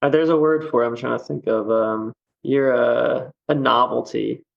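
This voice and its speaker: A man's voice: mid-range voice, fairly even intonation, moderate pace, vocal fry, dull audio. A man chatting casually as a podcast guest, rambling with many fillers and easy laughs. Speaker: guest musician. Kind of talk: casual chat.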